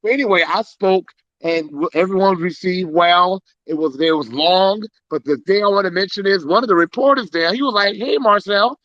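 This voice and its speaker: A man's voice: sits high, moderate pace, a bit bright, dry recording. A man from South Carolina calling into a live chat, speaking in an earnest, conversational way. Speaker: caller. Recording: dull lo-fi call audio.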